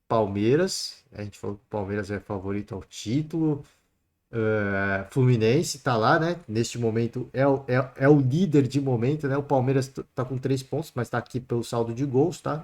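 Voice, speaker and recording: A man's voice: medium pitch, a little mellow. Chatty Brazilian man talking football. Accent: Brazilian Portuguese. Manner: chatty, peppers talk with "né" and "cara". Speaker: sports podcast host. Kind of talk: solo football commentary.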